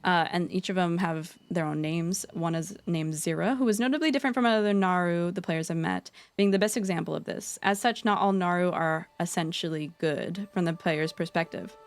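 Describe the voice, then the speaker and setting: A woman's voice: on the low side, normal speed, few pauses. A woman streaming an unscripted lesson on game lore, rambling and correcting herself, with playful asides.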